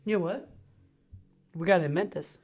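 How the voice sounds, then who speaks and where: A woman's voice: fairly low pitch, normal speed, darkish tone, husky, soft background music. A woman co-hosting a podcast in casual chat, firing off exasperated rhetorical questions. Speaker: podcast co-host.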